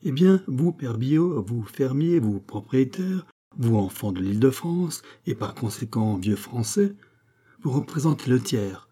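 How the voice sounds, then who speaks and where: A man voicing a calm, lecturing male doctor in an audiobook, with rhetorical, insistent phrasing. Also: medium pitch, unhurried, husky. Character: male doctor, calm persuasive political thinker. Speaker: character in an audiobook.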